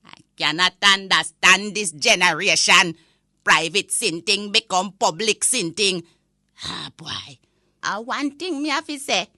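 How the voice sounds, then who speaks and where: A woman's voice: mid-range voice, measured pace, pushed and bright, no room sound, studio quality. A woman voicing a cranky old Jamaican granny in a comic audio rant, indignant and scolding in Patois. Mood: scolding, exasperated.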